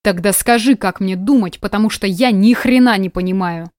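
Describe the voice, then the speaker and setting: A woman's voice: medium pitch, normal speed, darkish tone, no echo, lightly acted. A woman reading an audiobook, voicing a frustrated young man who speaks earnestly and bitterly, recorded close and dry. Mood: tense, bitter. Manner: tense, earnest, controlled then bitter. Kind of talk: audiobook dialogue.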